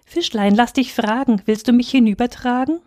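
A woman voicing a small, gentle girl in a storybook fairy tale, speaking softly and wistfully. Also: on the high side, moderate pace, no room sound, studio quality, natural voice.

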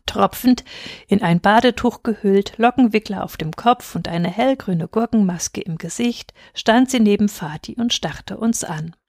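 A woman reading a children's Christmas story aloud in a lively, expressive storytelling manner. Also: mid-range voice, unhurried, dry recording, studio quality. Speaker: reader.

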